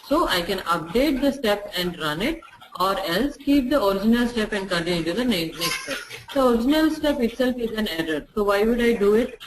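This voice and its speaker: A software testing instructor walks through a screen-share tutorial, repeating each step slowly so it is clear. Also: medium pitch, animated, noisy background. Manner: repeats phrases slowly for clarity.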